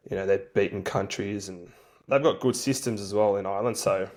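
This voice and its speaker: Man, lowish pitch, interview guest, casual storytelling, laid-back, colloquial slang. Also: fairly quick, darkish tone. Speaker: interview guest, rugby league player for a national team.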